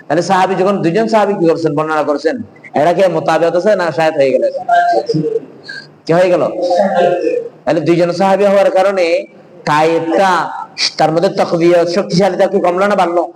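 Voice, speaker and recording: A man's voice: on the high side, fast, darkish tone, slight background noise, poor audio. A man teaching a hadith class online, asking his students questions and answering them himself, with Arabic recitation in between. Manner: mixes in Arabic recitation and Hindi-Urdu phrases.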